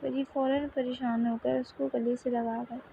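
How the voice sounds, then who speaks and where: A woman reading a romance novel aloud in a steady, even storytelling manner. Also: high-pitched, measured pace, vocal fry, highs cut off, a little hiss or hum. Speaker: novel reader. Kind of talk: scripted narration of a romance novel.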